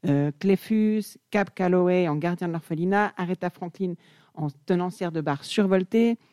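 A woman's voice: fairly low pitch, moderate pace, dark tone, no room sound, clean studio sound. A young woman presenting an enthusiastic music chronicle on the radio.

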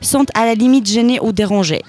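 Woman, host, slightly high voice, addresses listeners, leads the talk, faint music behind. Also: brisk, darkish tone. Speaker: podcast host. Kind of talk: scripted monologue then group chat.

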